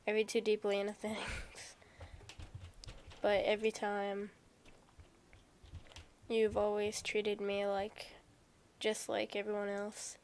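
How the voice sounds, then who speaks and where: Woman reading shy bookish teen girl, hesitant and gentle, slow, flat delivery. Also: medium pitch, a little hiss or hum. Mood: tender. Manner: hesitant, self-doubting, gentle. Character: shy, soft-spoken bookish teenage girl.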